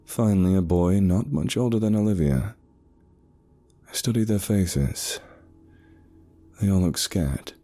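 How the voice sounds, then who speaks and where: A man with a very deep, dark voice reads scripted first-person horror narration. He is measured and suspenseful, using short pauses, while eerie music plays in the background.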